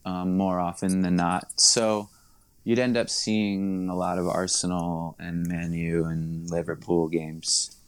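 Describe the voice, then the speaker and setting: A man, chatting as a guest in a casual interview, rambling and correcting himself with quick laughs. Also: sits low, level tone, smooth. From Long Island, New York. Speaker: musician guest.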